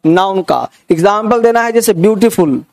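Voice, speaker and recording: Teacher, male, high-pitched, Indian accent, coaxing classroom delivery that keeps checking for understanding. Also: lively intonation, moderate pace, creaky, darkish tone. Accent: Indian English words in Hindi. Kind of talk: classroom grammar lesson.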